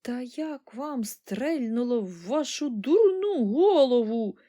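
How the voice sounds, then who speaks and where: A woman voicing a grumpy, quarrelsome old grandmother who scolds sharply and bursts into high shouts. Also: very animated, slow pace, creaky, full character voice. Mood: grumpy scolding.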